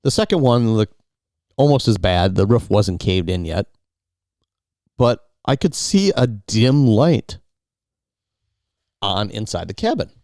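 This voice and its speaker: A man with a smooth, resonant, slightly low voice recounts a survival story in loose, casual storytelling. He rambles, restarts words, and slips other people's lines into his own telling. His voice sounds dry and close, with no room around it. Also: very animated, slow pace, pauses often, a little mellow, dry recording.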